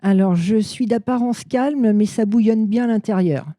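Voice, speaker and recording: A woman's voice: medium pitch, moderate pace, dark tone, no echo, clean studio sound. A woman in her fifties from Normandy, a guest telling her story in casual conversation, hesitant with many fillers and restarts. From Normandy, France. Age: 50s.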